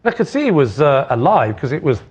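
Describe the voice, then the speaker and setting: A man spinning a comic story on a panel show, teasing and quick with deadpan asides. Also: on the high side, muffled recording. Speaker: regular panellist telling a story. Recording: loud studio audience laughter and noise.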